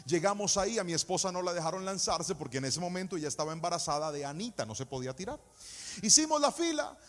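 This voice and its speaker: A male preacher with a fairly high voice delivers a sermon in a church hall, and the sound rings with a long reverb. He moves from soft, confiding storytelling to loud, emphatic exhortation and often calls his listeners brother. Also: big pitch swings, fast. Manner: addresses listeners as "hermano".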